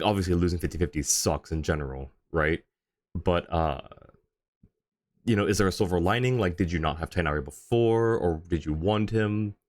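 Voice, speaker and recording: A low-pitched man hosts a casual livestream, answering chat in an easygoing, conversational manner. The recording is dry.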